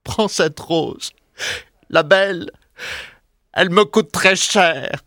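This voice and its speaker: A man's voice: high voice, steady tone, takes it slowly, dry recording, studio quality, voice pushed up. A man putting on a pleading old father. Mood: sorrowful. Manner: pleading, trembling. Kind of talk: audiobook drama.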